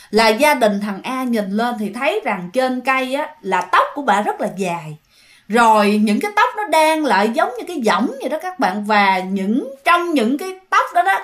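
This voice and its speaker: Woman storyteller for a ghost story channel, high voice, chatty with listeners. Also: a bit bright. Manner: chatty, often addresses listeners directly.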